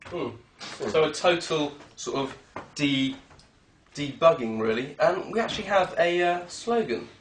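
Hesitant, deadpan young male doctor played by an actor for spoof interview, slightly high voice, off mic. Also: a little slow. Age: young adult. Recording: echoey, distant mic, noisy.

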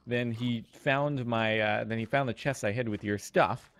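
A man's voice: medium pitch, normal speed, fairly bright tone. A man chatting with friends during a game, curious and full of questions about what he missed. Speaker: fellow player. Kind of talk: casual gaming chat.

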